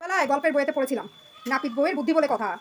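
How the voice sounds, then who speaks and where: Young woman, very high and very fast, mocking monologue, faint background hum. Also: animated. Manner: mocking, taunting, direct address. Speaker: vlogger venting about family. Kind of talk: sarcastic monologue with sung lines.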